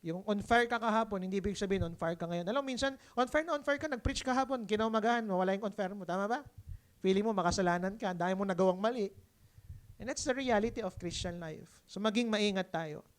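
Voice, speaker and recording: A man's voice: very high-pitched, smooth. A man with a Filipino accent preaching a conversational sermon. He mixes English into his talk and keeps checking in with the congregation. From Philippines. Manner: lively, keeps asking the congregation "di ba?". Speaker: pastor.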